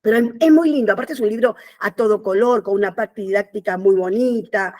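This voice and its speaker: A woman, retelling a children's story from her book in an animated way, often restarting her phrases. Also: medium pitch, fairly quick. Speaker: writer presenting her book. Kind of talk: storytelling talk.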